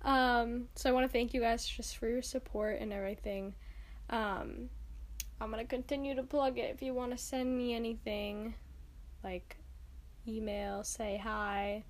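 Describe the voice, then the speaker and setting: A young woman hosting a casual solo podcast, sounding tired and stuffy-nosed, talking in an informal, rambling and emphatic way. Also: a little high. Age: young adult. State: tired, congested. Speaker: podcast host.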